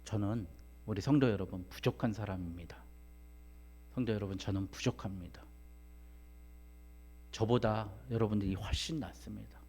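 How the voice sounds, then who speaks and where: A man preaching a sermon, swinging from loud emphatic rises to hushed, almost whispered asides and firing rhetorical questions at the congregation. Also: fairly low pitch, normal speed, pauses often. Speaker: pastor.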